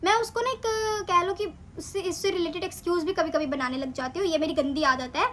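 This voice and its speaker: A woman's voice: extremely high pitch, quick pace, a bit bright. A young woman in clinical training, chatting animatedly as she retells her own experiences in a casual vlog.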